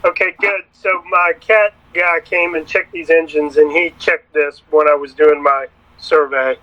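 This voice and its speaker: A man with a bright, slightly high voice talks casually as a learner, asking and confirming. The recording is dull and lo-fi. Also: fairly even intonation, unhurried. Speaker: boat owner being taught. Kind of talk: casual question-and-answer chat. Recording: dull, muffled lo-fi sound.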